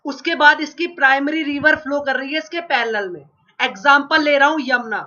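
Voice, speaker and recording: A man speaks a little fast at an extremely high pitch, his voice pushed and bright, delivering exam-prep geography. His cold gives him a sore throat and occasional coughs as he drills each fact through question and repeated answer. The audio is lo-fi and dull.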